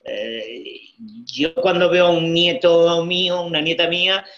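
A man's voice: fairly high pitch, steady tone, unhurried, a bit bright. A man in his sixties, a Spanish pilgrim and writer, speaking reflectively on a video call from home, often repeating words. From Spain. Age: 60s. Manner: thoughtful, repeats words, frequent "eh" and "¿no?". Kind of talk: reflective interview talk. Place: home room with glass cabinet. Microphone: webcam on video call. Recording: muffled video call audio.

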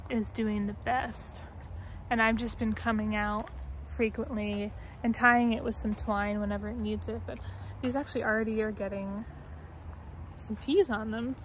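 Her voice is fairly high, with slight background noise around it. She's a vlogger in her twenties with an American accent, casually narrating an unscripted backyard garden tour into a phone or camera held at arm's length.

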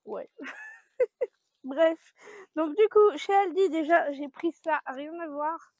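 Chatty woman vlogger, high voice, rambling, dry muffled recording. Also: animated, slow pace, a little mellow, no echo. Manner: chatty, rambling, with many fillers and laughs. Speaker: vlogger showing her grocery haul. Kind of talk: casual chat to camera. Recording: dry, dull lo-fi sound.

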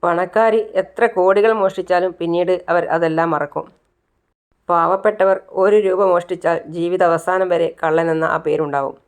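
A woman voicing a kind young woman who gently consoles a crying boy, in a retold serial story. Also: on the low side, fairly even intonation, moderate pace, clear, resonant tone, natural voice. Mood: consoling. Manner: gentle, soothing.

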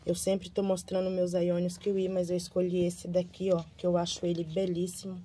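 A woman's voice: fairly low pitch, completely flat delivery, moderate pace, noisy background. A woman vlogger showing her plants, gushing and repeating words of praise in a casual show-and-tell. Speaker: gardening vlogger.

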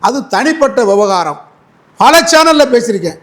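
A man's voice: very high voice, sing-song, normal speed, a bit bright. A man speaking as an advocate in a heated political interview, combative and mocking, repeating his points.

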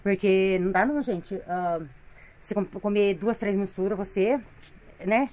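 A woman's voice: medium pitch, a little slow, a little mellow, a little hiss or hum. A middle-aged woman with a Brazilian Portuguese accent venting in a weary, complaining tone in a casual home vlog, filmed on a phone in her living room. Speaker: vlogger, mother of three.

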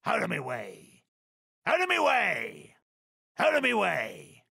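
Swaggering older game pirate captain, raspy and forceful, pitched fairly high, thick West Country pirate accent, grand archaic delivery. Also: male voice, wildly swooping pitch, takes it slowly, dry recording, studio quality, exaggerated voice. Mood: taunting. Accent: theatrical West Country pirate. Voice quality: gravelly, raspy. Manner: theatrical, rolling archaic pirate phrasing. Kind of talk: video game character voice lines.

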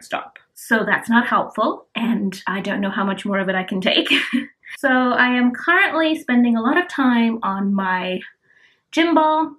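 Casting: woman, 20s, heavily pregnant and breathless, slightly high voice, casual weary vlog chat. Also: sharp tone, low-quality recording. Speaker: vlogger. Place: small furnished room indoors. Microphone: camera at about arm's length.

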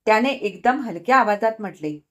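A woman narrating a novel in a measured, expressive storytelling reading. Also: medium pitch.

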